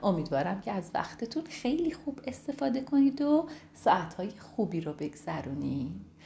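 A woman telling a bedtime story to children in an affectionate, gentle way. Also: medium pitch, sing-song, creaky, a little hiss or hum. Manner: affectionate, addresses children warmly.

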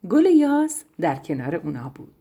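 A woman's voice: on the low side, big pitch swings, mellow, husky. Soothing sing-song bedtime storyteller woman. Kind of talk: bedtime story narration for children.

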